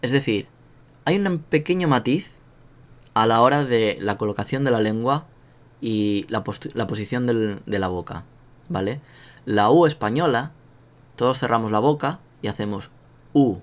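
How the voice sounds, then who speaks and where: At a moderate pace, a man with a medium-pitched, animated voice and a Spanish accent from Spain teaches an online language lesson. He keeps it casual and jokey, mocking himself and drilling sounds aloud.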